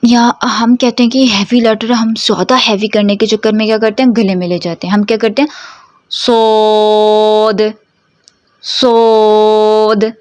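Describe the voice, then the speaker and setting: This woman's voice is fairly high and steady, moving a little fast with hardly any pauses, and there's no room sound. She's teaching Quran letter pronunciation in a slow, careful lesson, explaining each step, quizzing her students, and elongating the model sounds for them to repeat.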